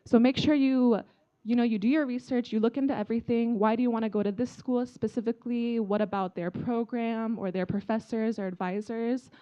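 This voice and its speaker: A young woman from China with an American accent, working as an embassy vice consul, gives students an informal, friendly talk in front of an audience. She speaks briskly in a fairly high but dark voice with a steady tone, muffled in the recording.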